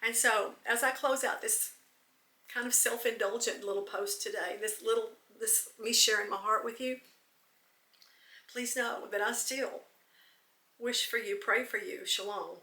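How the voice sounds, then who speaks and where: An unhurried woman with a high-ish, fairly even, bright and forceful voice hosts a devotional podcast. She's earnest and teary, close to choking up, and repeats phrases for emphasis. The camera recording is distant and off-mic in an echoey room.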